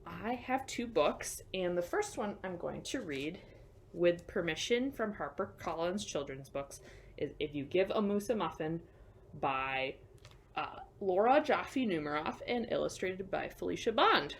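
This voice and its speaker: A woman reads a picture book aloud to children as a storyteller, voice on the low side and pace measured. She's expressive, dropping in chatty, simple asides for her young listeners.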